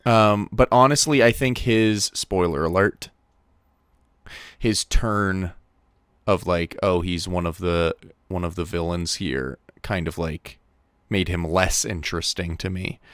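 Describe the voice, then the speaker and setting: A man hosting a casual movie podcast, relaxed and joking with frequent fillers. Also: deep voice, measured pace, dry recording. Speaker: podcast host.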